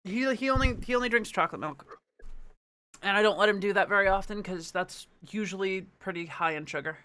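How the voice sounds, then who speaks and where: Bright, sharp-voiced man reading aloud. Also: high-pitched, fairly quick, smooth. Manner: sweary, playful. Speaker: amateur book reader. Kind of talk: casual chat and storybook narration.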